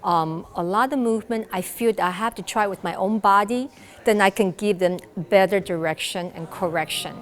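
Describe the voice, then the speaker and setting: A woman's voice: mid-range voice, moderate pace. A middle-aged woman from Taiwan, a choreographer and dancer, answering interview questions thoughtfully with many fillers and restarts. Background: music.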